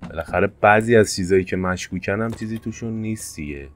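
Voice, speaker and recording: A man commentating his gameplay casually, excitable, jumping to sudden high-pitched yelps. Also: a little hiss or hum. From Iran. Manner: excitable, jumps to high-pitched yelps when fires start. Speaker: gameplay streamer. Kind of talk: casual let's-play commentary.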